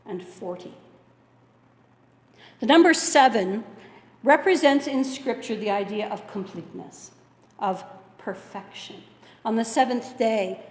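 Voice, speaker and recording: A woman pastor preaching a sermon in a church sanctuary, measured and earnest, leaning on dramatic pauses. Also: mid-range voice. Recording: echoey hall with long reverb.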